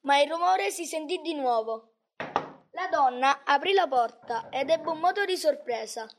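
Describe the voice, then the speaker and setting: A woman narrating a Christmas storybook in a calm, measured manner. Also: high-pitched, background noise. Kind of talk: storybook reading.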